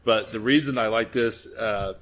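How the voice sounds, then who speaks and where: Lower-voiced male podcast host. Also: normal speed, fairly bright tone. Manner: casual, swears. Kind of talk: casual chat.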